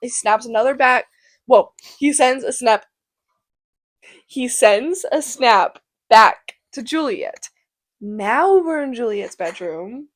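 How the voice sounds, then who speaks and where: A woman's voice: fairly high pitch, expressive, slow pace. A teenage girl narrating a school drama project, chatty and giggly with lots of fillers. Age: teens. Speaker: student narrator.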